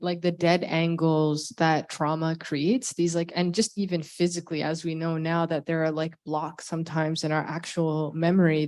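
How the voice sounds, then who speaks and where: A woman interviewer asks questions in a salon-style conversation, her voice low and fairly flat in tone. She builds each question slowly, with loose phrasing and plenty of asides.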